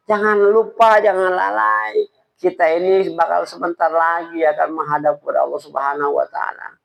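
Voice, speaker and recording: A man giving an informal, halting sermon at a religious gathering, often speaking to the listeners directly. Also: high voice, fairly even intonation, gravelly, a bit bright, low-quality recording. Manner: halting, stammering delivery; colloquial, addresses listeners directly. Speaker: preacher at a religious study gathering.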